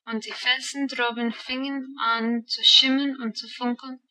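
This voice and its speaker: A woman narrating an audiobook in a calm, even storytelling manner. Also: sits high, unhurried, distant mic, poor audio. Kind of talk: scripted narration.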